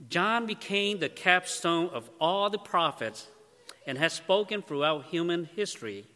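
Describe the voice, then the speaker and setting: A pastor giving a sermon in a slow, deliberate manner, with solemn drops in volume. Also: male voice, on the high side, bright, forceful tone. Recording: long hall reverb.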